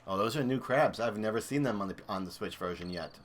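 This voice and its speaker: A man's voice: on the low side, quick pace, a little hiss or hum. A man streaming and commentating a video game comparison in a chatty, enthusiastic way. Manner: chatty, enthusiastic, thinks aloud. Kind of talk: casual gameplay commentary.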